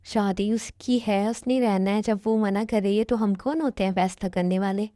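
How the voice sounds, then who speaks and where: A woman dubbing a calm, dutiful young man who speaks with his parents, in an amateur dubbed love story. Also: medium pitch, normal speed, no echo, clean studio sound, close to an everyday voice. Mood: firm.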